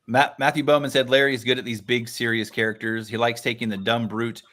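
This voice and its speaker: A man's voice: mid-range voice, flat delivery, brisk, sharp tone. A man hosting a casual online book club livestream in a laid-back, slangy way. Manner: laid-back, says "dude" and "like" a lot. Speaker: livestream host.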